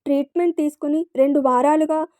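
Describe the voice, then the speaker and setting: A woman's voice: high-pitched, steady tone, brisk, a little mellow, no room sound, natural voice. A woman voicing a frightened young woman caretaker in an audio story, timid and stammering. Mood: stern.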